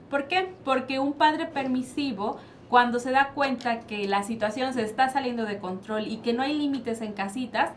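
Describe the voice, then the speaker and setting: Mexican woman, psychologist guest, explains patiently, rhetorical questions, slightly high voice, faint hiss. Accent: Mexican Spanish. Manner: explanatory, asks and answers her own questions. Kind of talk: panel discussion. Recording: faint background noise.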